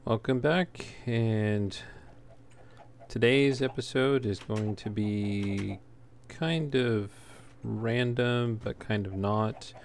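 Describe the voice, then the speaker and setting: Speaking very slowly in a fairly low voice, a man casually talks through a game for a video, unscripted and a touch unsure. The home setup is noisy, with clear background sound.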